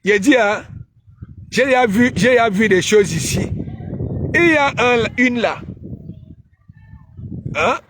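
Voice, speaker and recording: A man with a Cameroonian accent rants to his live-stream viewers in a high, unhurried voice. He mocks and teases, and now and then breaks into loud shouts. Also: expressive, background noise. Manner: mocking, teasing, bursts of shouting. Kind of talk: casual ranting live stream.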